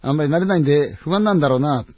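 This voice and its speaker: Man doing a calm, matter-of-fact father. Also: on the high side, very fast, no room sound, highs cut off, natural voice. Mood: musing. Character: calm, reassuring father of a family.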